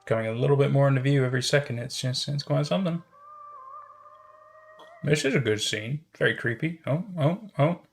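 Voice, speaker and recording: A man who streams reactions to horror videos chats casually, musing aloud and often repeating his phrases. His voice is husky and medium-pitched, and he speaks briskly.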